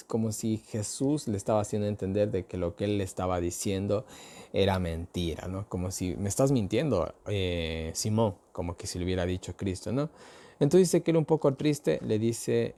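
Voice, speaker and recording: A man's voice: fairly low pitch, moderate pace, dark tone. A man from Ecuador giving a casual Bible study talk. He explains in a conversational way, speaks straight to his listeners, and often stops on tag questions, filler words and restarts. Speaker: Bible teacher.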